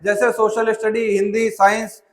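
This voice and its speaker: A man with a notably high voice leads a classroom demonstration, instructing the students directly and calling them child. He is recorded in a school hall with a lot of echo bouncing around him. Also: flat delivery, moderate pace. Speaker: memory trainer presenting a school seminar. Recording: echoey hall.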